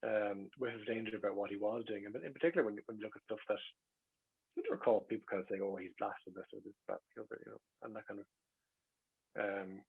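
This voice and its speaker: Here a middle-aged Irishman with a fairly low, breathy voice is the guest in an interview. He wanders through offhand stories, wry and quick to poke fun at himself, in a recording with a slightly lo-fi quality.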